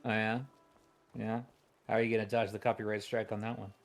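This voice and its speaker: A man's voice: fairly low pitch, level tone, a little fast, faint music behind. A man bantering casually as co-commentator on a game stream, with a dry, wry delivery.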